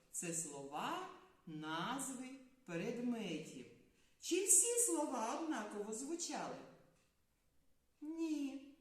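Speaking to young children, a female preschool teacher sings her words in a bouncy, up-and-down lilt, stretching each one slowly and clearly. Her pitch is fairly high, she leaves long pauses, and the heavy echo suggests an empty room.

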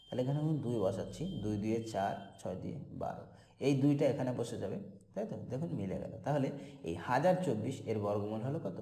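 A man teaching a maths lesson step by step, often checking in with the viewer through quick questions. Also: mid-range voice, warm tone, echoey room.

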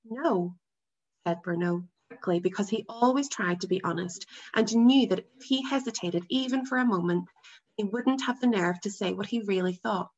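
Teacher reading aloud, woman, expressive storytelling, mid-pitched voice, muffled lo-fi sound. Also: moderate pace. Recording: dull lo-fi recording.

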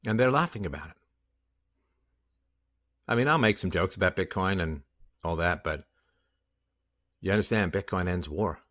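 A man in his fifties rants alone into a headset mic, furious and sarcastic, swearing freely. His pitch swings widely, from low grumbling mutters to sharp loud bursts. He sounds close and plain, recorded in a small room. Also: expressive, normal speed, pauses often. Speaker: podcast host. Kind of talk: impassioned solo rant to camera.

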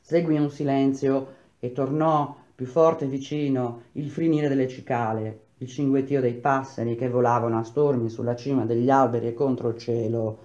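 A man reading a novel aloud in a measured, even narrating voice. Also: medium pitch, reverberant, lo-fi sound. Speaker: reader.

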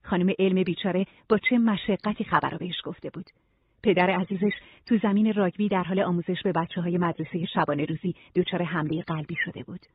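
An audiobook narrator reading a novel in an even, steady storytelling manner. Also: mid-range voice, husky, dry recording. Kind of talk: scripted narration. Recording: tinny phone-like sound.

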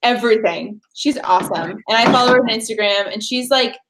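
A woman's voice: fairly high pitch, a little fast, over a noisy crowd, low-quality recording. A woman in her twenties chatting casually on a home livestream over a webcam, bubbly and full of fillers. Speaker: livestream host. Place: living room at home, indoors. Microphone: webcam at desk distance.

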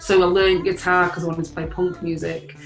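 An English woman, a guitarist in a band, chats casually on a video call as an interviewee. Her voice sits on the low side, flat and fairly quick, with lots of fillers and a rise at the start of phrases. The room is echoey, with faint music in the background.

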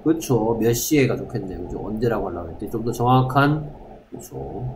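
A man's voice: on the low side, expressive, a little fast, a little mellow, a little hiss or hum. A male English teacher who runs a class lesson, drilling words aloud and putting questions to his students.

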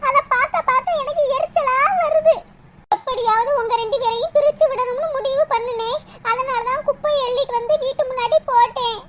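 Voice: very high-pitched, a little fast. Whiny scheming sister-in-law. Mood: sulky. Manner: whiny, pleading. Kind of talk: cartoon dub acting. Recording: loud background noise.

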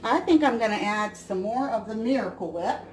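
Here a Midwestern woman in her forties speaks a bit quickly and with animation, her voice a little high, as she casually explains a recipe step by step while cooking at home. Slight background noise comes through the camera mic at her counter.

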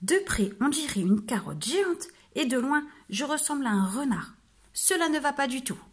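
A woman's voice: animated, normal speed, slightly rough. A woman voicing a grumpy big male wolf who is never pleased with himself, exclaiming in a raised voice, reading a children's storybook. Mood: dismayed. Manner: exclaiming, higher and louder than her narration.

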